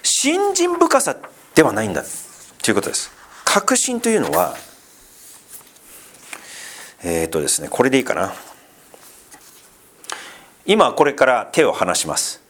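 Animated, chatty male preacher. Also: medium pitch, unhurried, long pauses, a little hiss or hum. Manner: chatty, asks the congregation questions and teases them; many fillers and asides. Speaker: pastor. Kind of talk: casual conversational sermon.

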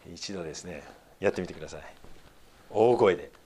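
A male pastor preaching in a church, reading scripture aloud and breaking into animated, lively asides. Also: low-pitched, slight background noise.

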